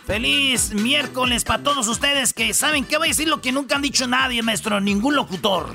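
High, gravelly man joking on radio. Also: moderate pace, over loud music. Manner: joking, slangy, punchline-driven. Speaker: radio show host. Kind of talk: comedic radio countdown banter.

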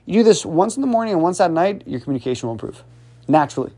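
A male speech coach with a rather high, racing voice explains his methods in loose, conversational coaching talk. He's animated and repetitive, sighing audibly between phrases, and his voice jumps up as he urges the listener on.

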